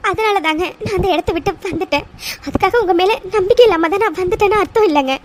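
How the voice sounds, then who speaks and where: A gentle young wife from a cartoon serial, pleading through tears with a very high, thin voice. Her words come soft and respectful, always close to crying. A faint hiss sits under the recording. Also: fast. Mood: tearful.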